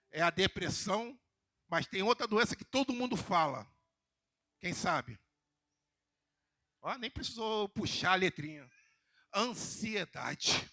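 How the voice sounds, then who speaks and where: A man with a Brazilian Portuguese accent preaching a sermon to a congregation, questioning them, building to emphatic calls, then quoting softly. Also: sits high, dry recording, clean studio sound. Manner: rising to emphatic calls, then dropping to soft quoted words.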